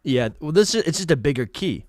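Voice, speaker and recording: A man co-hosting a casual podcast chat, excitable and thinking out loud with lots of fillers. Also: a little high, fairly quick, no room sound, studio quality. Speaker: podcast co-host.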